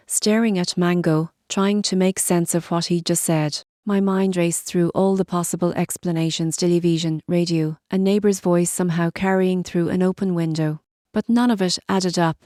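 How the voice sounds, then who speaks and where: A woman narrating a scripted horror story in a steady, measured way. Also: on the low side, no echo, clean studio sound.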